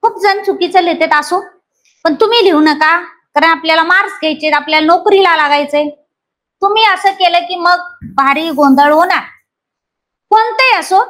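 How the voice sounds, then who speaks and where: A woman from Maharashtra with a teaches a grammar class for exam aspirants. Her voice sits very high. She keeps quizzing the students and repeats each rule until it sticks. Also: normal speed. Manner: lively, questions students and repeats key points.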